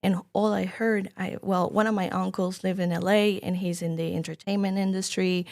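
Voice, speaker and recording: A woman's voice: mid-range voice, flat delivery, moderate pace, gravelly, a little mellow. A woman in her thirties from Venezuela, a native Spanish speaker with a Venezuelan Spanish accent, chatting as a podcast guest and telling her story with many fillers. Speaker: guest filmmaker. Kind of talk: casual podcast chat. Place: podcast studio room.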